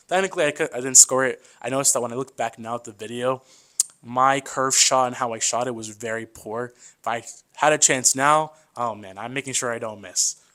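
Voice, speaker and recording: A man in his twenties in a casual podcast conversation as the guest, chatty and loose, often calling the host "man" and acting out voices as he tells stories. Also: medium pitch. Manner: lively storyteller who acts out quoted voices.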